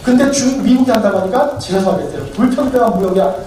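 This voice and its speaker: A man's voice: high voice, quick pace, dark tone. A man giving a heated political lecture as a commentator, combative, firing off rhetorical questions one after another. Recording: very echoey room, distant mic, faint noise.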